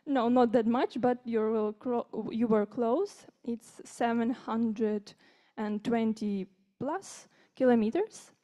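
A teen girl, 15, presents informally and in a friendly way to a seated conference-room audience as a youth speaker. She has a Ukrainian accent as a native Ukrainian speaker, and her slightly high, warm voice is slow, though the audio sounds dull.

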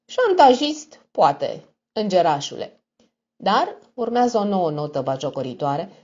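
A woman's voice: deep voice, sing-song, warm tone, breathy edge, full character voice. A woman voicing a smug, mocking young male blackmailer with an affected tone. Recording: dull lo-fi recording.

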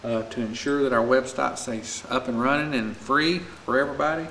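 An American man teaching small engine repair speaks at a moderate pace with a mid-range, sharp-toned voice and fairly even intonation. Working at a bench in an indoor shop, he gives an informal, practical, step-by-step tutorial in plain terms, recorded in an echoey room with clear background noise.

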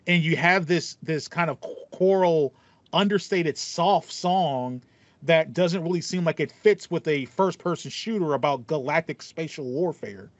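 With a fairly high pitch and a slightly slow pace, a man in his thirties hosts a casual podcast chat, repeating phrases as he thinks aloud. The setting is a small indoor home room fitted with foam panels. There's no echo, and the audio sounds dull and lo-fi, like a voice call.

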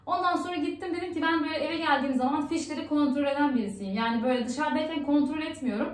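A woman's voice: sits high, very fast, echoey room. A woman vlogger chatting casually at home, talking on in an upset, ranting way. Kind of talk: casual vlog chat.

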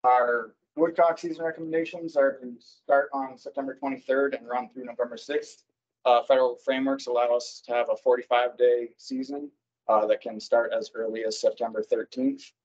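A man presenting wildlife season recommendations at a public board meeting, speaking haltingly with many fillers and self-corrections over a video call. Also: mid-range voice, darkish tone. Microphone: computer mic on a video call. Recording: dull lo-fi video call audio.

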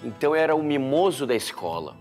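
A man's voice: on the high side, very animated, a little fast, a little mellow, soft background music. A Brazilian man in his fifties speaking earnestly about family and homeland in a documentary interview at home. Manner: earnest and heartfelt. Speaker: entrepreneur and law student. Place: living room at home, indoors.

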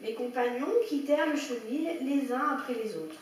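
A woman storyteller reading a children's picture book aloud with lively expression. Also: high voice, normal speed, a little hiss or hum. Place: indoor room at a public story reading. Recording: echoey room, heard from a distance, faint background ambience.

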